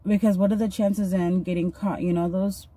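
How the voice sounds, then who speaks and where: A woman in her thirties, a vlogger, chats earnestly and with plenty of filler words while doing her makeup and telling a personal story. Her voice is medium-pitched, mellow and husky, with a flat delivery at a moderate pace. She's recorded on a phone camera held at arm's length in a parked car.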